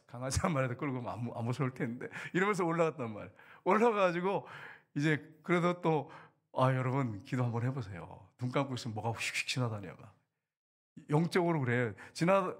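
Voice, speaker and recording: A middle-aged man preaches a sermon in a husky, somewhat high voice. He swings between loud outbursts and hushed, intimate asides, speaking as the pastor of his congregation.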